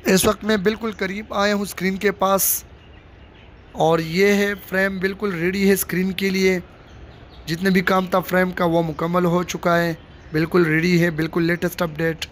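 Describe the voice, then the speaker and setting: A vlogger giving construction updates takes viewers on a casual outdoor walk around a stadium under construction, recording on his own handheld phone. His high, fairly bright voice is flat and moderately paced; he talks directly to the audience, repeats the same showing phrases, and faint outdoor noise lingers behind.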